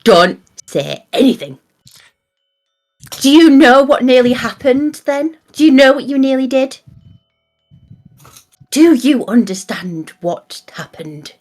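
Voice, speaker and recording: A woman's voice: high voice, very animated, slow, long pauses, darkish tone, soft background music, pitched above the performer's own voice, full character voice. A woman playing an exasperated fey woman in a tabletop game, scolding her companions in a bossy, emphatic, repetitive way.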